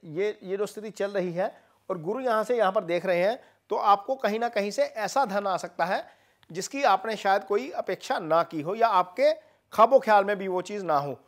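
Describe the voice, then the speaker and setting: In a mid-range voice, an astrologer steadily explains a horoscope to the audience, frequently stopping to say "uh."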